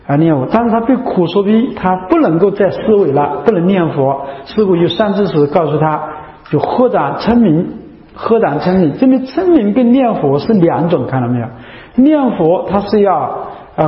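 Male monk, dharma talk; repeats himself, keeps asking the room questions; roomy, echoing hall sound. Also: high voice. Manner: chatty, repetitive, rhetorical questions. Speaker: Buddhist monk teaching. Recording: echoey hall, dull lo-fi sound.

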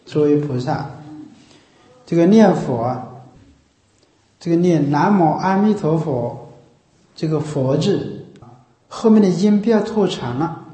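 A man's voice: fairly high pitch, animated, mellow. A man teaching Buddhist chanting in a patient, explanatory spoken talk. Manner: patient, explanatory, slow, breaks into chanting demonstrations. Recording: echoey room.

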